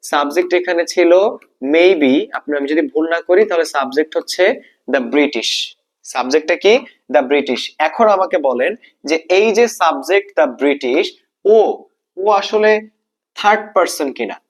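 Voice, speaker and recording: This is an exam-preparation grammar class taught by a Bangladeshi-accented man whose voice sits on the higher side; he goes over the main points repeatedly and checks comprehension with questions.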